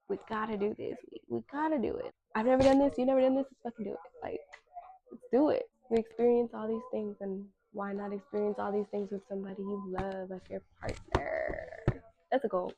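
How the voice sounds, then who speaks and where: A woman's voice: mid-range voice, fairly even intonation, fairly quick, creaky, warm tone, lo-fi sound. A woman in her twenties hosting a casual solo talk, candid and slangy, with emphatic repetition. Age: 20s. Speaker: podcast host.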